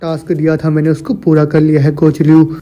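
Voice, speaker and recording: A man voicing a confident rich young man in a storybook recap, speaking fast with a dark tone. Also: fairly high pitch, monotone, soft background music, natural voice. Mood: assured.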